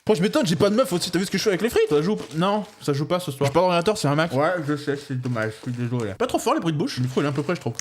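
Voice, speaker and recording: Lively fast-talking young man streamer. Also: fairly high pitch, a little hiss or hum. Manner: joking, slangy, reacting to chat. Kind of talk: casual live-stream chat.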